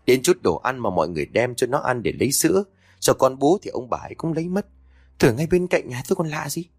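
A man's voice: big pitch swings, quick pace, slightly rough, no echo. A man voicing a sympathetic older village woman who sighs with weariness. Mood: weary. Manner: sighing, low-voiced.

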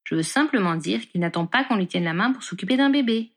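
A woman voicing a blunt, sharp-tongued young woman in a storybook reading. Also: medium pitch, expressive, fast. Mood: scolding. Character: blunt teasing young woman, Ron's sister.

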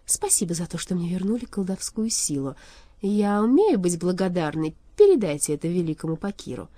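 A sly young sorceress, as a woman narrator puts her on, scheming and mocking in a sweet, loud voice in a storybook reading. Her pitch leaps about. The sound is close and dry, with a mellow tone. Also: animated, fairly quick, no room sound. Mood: polite.

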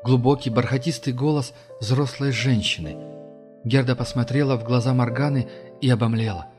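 A male narrator reads a novel at a measured, steady pace with a medium-pitched voice. A faint music bed sits underneath the narration throughout. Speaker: audiobook narrator. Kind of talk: scripted narration.

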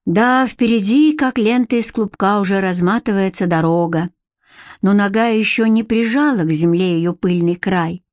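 A woman's voice: medium pitch, moderate pace, darkish tone, dry recording. Woman narrator, dry close studio read. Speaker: audiobook narrator. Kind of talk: scripted narration.

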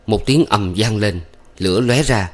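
Low-voiced male storyteller. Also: measured pace. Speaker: narrator.

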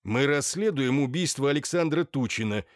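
A man's voice: mid-range voice, expressive, moderate pace, dry recording, clean studio sound, lightly acted. A man doing a curt gendarme colonel. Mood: brisk. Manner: curt, commanding. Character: brisk middle-aged gendarme colonel.

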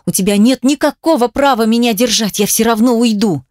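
A woman's voice: fairly high pitch, fairly quick, darkish tone, no echo, lightly acted. A woman reading aloud voices a furious young wife who is defiant and close to tears. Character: furious tearful young wife leaving her husband.

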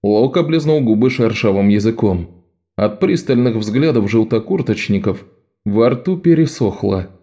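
A man narrating an audiobook with even, expressive storytelling. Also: lowish voice, moderate pace.

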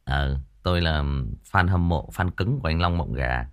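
Low-pitched, clear, and resonant, the voice of this Vietnamese channel host and audiobook narrator runs at normal speed. He discusses a story with his viewers in relaxed livestream commentary, rambling and often saying words twice while he looks for the next.

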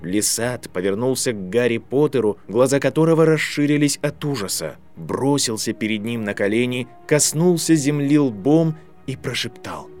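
A man's voice: medium pitch, expressive, a little mellow, soft background music. Man narrating an audiobook. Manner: measured storytelling. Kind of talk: scripted narration.

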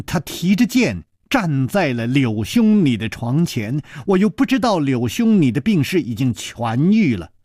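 A man voicing a remorseful young wife who speaks low and sighs. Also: a little mellow, no room sound, clean studio sound.

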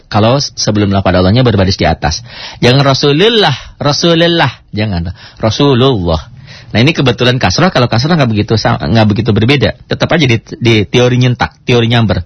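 A male recitation teacher leading a tajwid lesson. He speaks with a Jakarta Indonesian accent, and he patiently drills syllables slowly, jumping up high on the sounds he is teaching. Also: expressive, slightly rough. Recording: dull dry lo-fi radio recording.

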